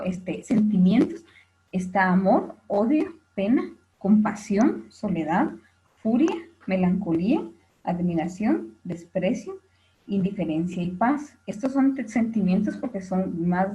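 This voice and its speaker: A woman's voice: medium pitch, warm tone, poor audio. A woman teaching an online class, explaining at length with many "este" fillers and questions to her students.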